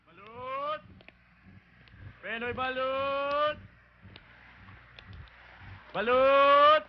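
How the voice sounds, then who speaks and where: Dull, lo-fi film sound frames an irritable street hawker. His voice is very high-pitched, and his manner is brusque and scolding. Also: fairly even intonation, drawn-out words, exaggerated voice. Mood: hawking. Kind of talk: Filipino comedy film acting. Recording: muffled lo-fi film audio.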